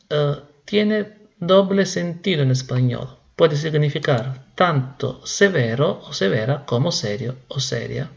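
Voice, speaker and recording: A man teaching Spanish grammar slowly and deliberately, repeating each word. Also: mid-range voice, gravelly, muffled recording. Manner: slow, deliberate, repeats words. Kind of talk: slow classroom explanation.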